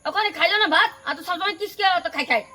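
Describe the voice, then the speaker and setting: Casting: woman as a sharp-tongued young stepmother, Purulia Bengali accent, bright high voice. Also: racing, a little hiss or hum. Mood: defiant. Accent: Purulia Bengali dialect. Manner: sharp, scolding, quarrelsome. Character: harsh young stepmother, quarrelsome and scolding. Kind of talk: village home drama acting.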